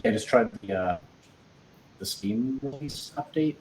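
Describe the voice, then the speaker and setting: A man testing a game, talking casually over a voice call in a hesitant, halting way, his audio choppy and breaking up. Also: lowish voice, lively intonation, a little mellow, breathy edge, low-quality recording. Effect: choppy, glitching voice-chat audio that keeps breaking up. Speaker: game tester.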